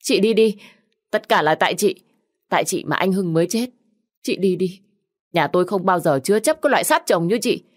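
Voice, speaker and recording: A woman's voice: expressive, fairly quick, close to an everyday voice. A woman voicing a spiteful, hysterical young sister-in-law who screams and sobs her accusations. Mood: screaming, accusing. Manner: shrill screaming, sobbing accusations.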